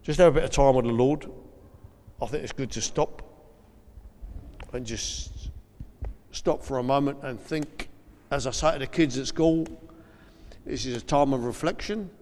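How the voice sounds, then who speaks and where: A man's voice: mid-range voice, unhurried, pauses often, darkish tone. A man with a South East London accent preaching a chatty, emphatic sermon and often repeating his phrases. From England. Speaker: pastor. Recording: long reverb of a hall.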